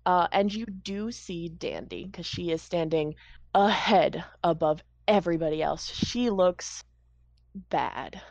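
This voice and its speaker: A woman serving as game master, narrating scenes in a relaxed, casual way. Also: on the low side, slow pace, gravelly, no room sound.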